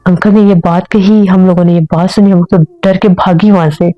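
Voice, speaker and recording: A woman's voice: fairly low pitch, fairly even intonation, normal speed, no room sound, dull audio. A woman telling a first-person horror story in an earnest storytelling manner.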